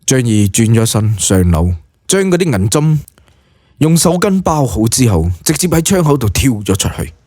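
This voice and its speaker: A husky-edged male narrator with a Cantonese accent reads an audiobook in a colloquial, dramatic style, his pitch swinging lively. He speaks at normal speed, and the clean studio sound has no echo.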